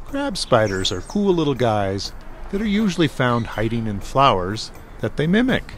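A man's voice: medium pitch, big pitch swings, moderate pace, a little hiss or hum. A man narrating a scripted nature documentary with an informal, wryly playful manner.

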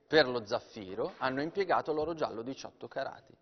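Man, live TV auctioneer, descriptive sales patter, mid-pitched voice, long reverb, dull sound. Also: animated, fairly quick.

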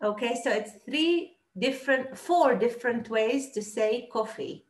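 A woman teaching a class, explaining patiently and repeating words slowly. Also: on the high side, reverberant. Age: 30s. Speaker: Arabic teacher.

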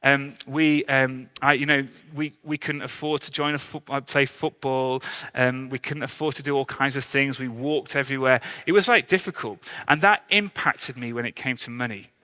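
An Englishman of about forty, a pastor and church leader, gives an informal sermon in an earnest, conversational, self-deprecating manner. His mid-range voice is steady, pushed and bright, at a moderate pace. A long hall reverb hangs on his preaching.

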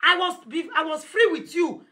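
A woman with a Nigerian accent hosting a live video call, animated and confrontational, mixing Pidgin English. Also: very high voice, moderate pace. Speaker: talk show host.

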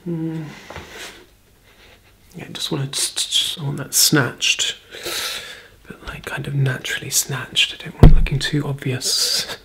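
A woman in her thirties with a deep voice whispers fast and breathily close to the mic in an ASMR role-play. She plays a brisk, chatty makeup artist, murmuring softly throughout.

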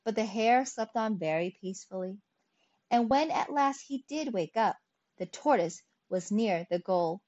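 A woman's voice: medium pitch, expressive, measured pace, darkish tone. Woman reading fables aloud. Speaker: narrator. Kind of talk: storybook reading. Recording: dull lo-fi recording.

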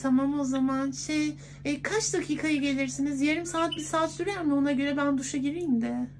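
Man doing a high-pitched coy woman's voice. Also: fairly even intonation, moderate pace, crowd noise. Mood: flirty, sweet. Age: 20s. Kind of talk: prank phone call. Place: clothing shop, indoors.

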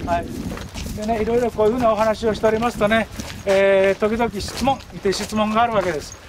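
A man, giving a folksy guided-tour explanation with drawn-out fillers and anecdotes. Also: high-pitched, steady tone. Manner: folksy, drawn-out fillers and frequent tag words. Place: open outdoor grounds. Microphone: camera a few steps away. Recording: outdoor camcorder audio with clear ambient noise.

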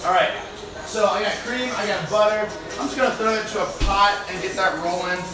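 Cooking in his apartment kitchen, a young home chef rambles casually and cracks jokes while hosting his show. He speaks fairly quickly in a high voice, with music in the background, and the phone on the counter a few steps off gives a distant, echoey sound.

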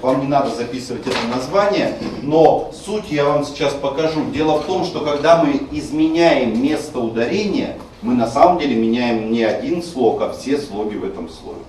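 In a screencast on Russian stress, a man teaching a class walks through pronunciation rules and sounds out words as examples. He is expressive and a little mellow, medium in pitch, at normal speed with hardly any pauses. It was recorded in a very echoey room on a distant mic, with faint noise.

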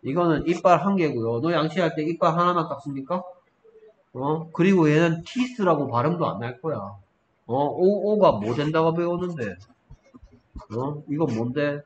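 High-voiced man tutoring, scolding and prodding. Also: lively intonation, moderate pace, lo-fi sound. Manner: scolding, repeatedly prompting with "어?". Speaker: English tutor. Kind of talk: one-on-one spelling lesson.

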